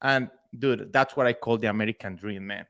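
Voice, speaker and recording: A young man from Mexico with a Mexican Spanish accent, a roofing company owner talking as a podcast guest in an excited, casual way, dropping "man" and "dude" into his sentences. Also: on the low side, a little fast, gravelly. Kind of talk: casual interview chat.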